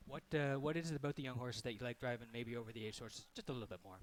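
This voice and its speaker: A man's voice: medium pitch, racing. A man hosting a conversational sports interview. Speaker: interview host.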